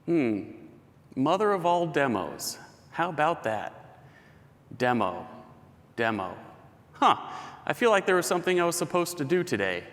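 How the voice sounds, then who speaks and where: A man's voice: fairly high pitch, big pitch swings, unhurried, pauses often, fairly bright tone. A man playing a scatterbrained office worker who dodges his boss and stalls with fillers, his voice heard with a cave echo as if he were in a cavern. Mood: distracted. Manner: distracted, hesitant, stalling with fillers. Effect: cave echo, voice rings out as if in a cavern. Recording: echoey cavern reverb, off mic.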